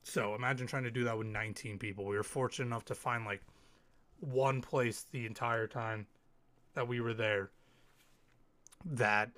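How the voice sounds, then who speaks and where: Animated, swearing podcast host. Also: male voice, lowish voice, dry recording. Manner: animated storytelling, swears freely, quick asides. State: slightly sick, occasional cough. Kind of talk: casual solo podcast rant.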